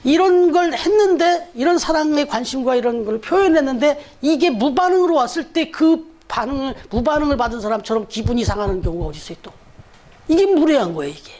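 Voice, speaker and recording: A man with a very high voice preaching a Sunday sermon in church. He speaks in a conversational way, telling stories and putting rhetorical questions to the listeners. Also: a little mellow. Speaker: pastor.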